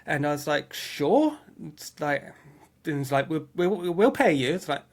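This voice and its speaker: A man with a fairly high, sing-song voice talks a little slowly as a guest in a casual interview; he runs a fan website. Chatty, he tells personal anecdotes, often acting out his own remarks and restarting sentences.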